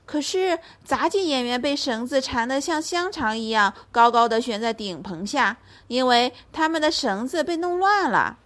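Lively mother reading a bedtime story. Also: high-pitched, normal speed, few pauses. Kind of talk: storytelling for a child.

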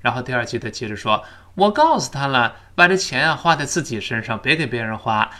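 A man teaching spoken English, explaining words and then drilling them slowly for learners to repeat. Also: medium pitch, sing-song, bright, forceful tone.

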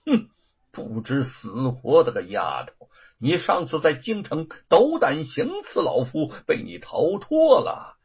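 A man voicing a scheming, gloating old court official who drawls slowly and mocks with laughter. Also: a little high, huge pitch swings, husky, lo-fi sound, full character voice. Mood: sneering. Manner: slow sneering drawl with mocking laughs.

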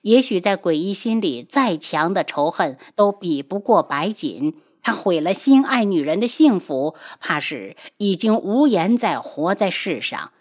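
Expressive woman narrating an audiobook. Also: on the low side, measured pace, few pauses. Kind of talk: scripted narration.

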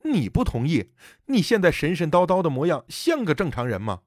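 A man's voice: fairly high pitch, huge pitch swings, brisk, no echo, studio quality. A man voicing a scolding, fed-up wife. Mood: indignant. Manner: indignant, scolding. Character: angry exasperated wife, middle-aged woman.

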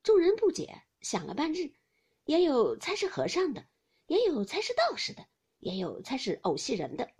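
A woman narrates a classic novel with an expressive, husky, breathy voice, often sinking to a near whisper. Her fairly high pitch rises and falls freely from line to line. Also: moderate pace. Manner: expressive, shifts between hushed and lively. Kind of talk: storybook reading of a classic novel.

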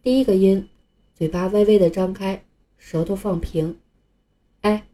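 Patient woman teaching in a dark voice. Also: mid-range voice, fairly even intonation. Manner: patient, clear explanations with drawn-out example sounds. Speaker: English teacher. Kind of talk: recorded lesson for beginners.

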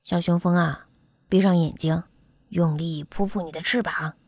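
A kind, calm doctor from a bedtime story speaks gently with a lowered voice, as a woman puts him on. It sounds husky and dry, close to the mic. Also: moderate pace, no echo. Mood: gentle.

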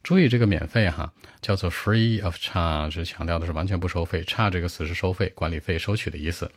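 A man's voice: sits low, fairly quick, no room sound. A man with a Mandarin Chinese accent teaching an English speaking lesson, explaining vocabulary at length and checking in with his listeners as he goes.

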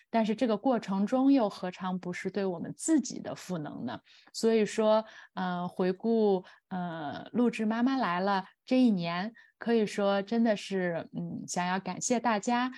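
A woman in her thirties talking reflectively as a podcast co-host, measured and thoughtful, with hesitant pauses. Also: medium pitch, darkish tone. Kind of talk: reflective personal talk in a podcast.

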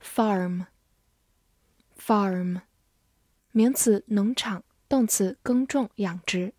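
A woman teaching English vocabulary in a scripted lesson, spelling words letter by letter and reading example sentences slowly. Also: medium pitch, warm tone, no echo, clean studio sound.

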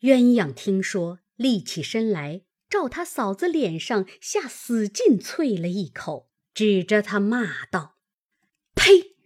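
A woman reading a classic novel aloud as narrator, in an expressive, measured manner. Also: medium pitch.

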